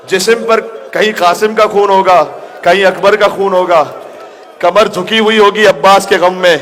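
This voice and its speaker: A man's voice: high-pitched, fairly bright tone, a little hiss or hum. A male preacher delivering an emotional mourning sermon in a hall, rising to anguished cries and half-sung lament. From Pakistan. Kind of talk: Muharram majlis sermon recounting Karbala. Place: large hall gathering.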